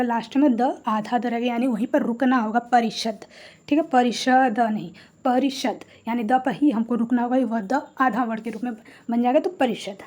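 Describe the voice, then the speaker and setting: A woman's voice: a little high, a little mellow. A woman teaching a Hindi grammar lesson, patiently spelling out each word and asking rhetorical questions.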